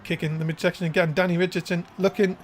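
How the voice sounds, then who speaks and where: A wrestling commentator with an excitable, showman-like delivery, calling play-by-play and reading show promos. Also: medium pitch, fast talker, a little hiss or hum.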